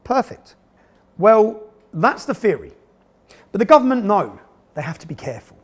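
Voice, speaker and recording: A man's voice: sits high, big pitch swings, moderate pace, slightly rough. A man narrating a documentary in an emphatic, sarcastic manner.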